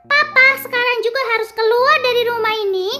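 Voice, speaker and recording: A woman's voice: very high-pitched, lively intonation, measured pace, fairly bright tone, faint music behind, exaggerated voice. A woman voicing an emotional young mother in a game role-play story, prone to jealous, sobbing accusations. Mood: tearful, accusing.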